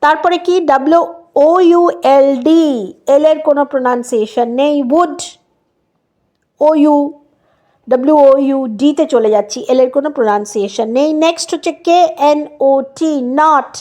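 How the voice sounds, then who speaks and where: A woman with a high voice and a Bengali accent gives an easygoing spoken English lesson. She spells words out one letter at a time and keeps checking that her listeners understand. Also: normal speed, warm tone. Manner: explains patiently, spells words letter by letter, often adds "right?". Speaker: English teacher.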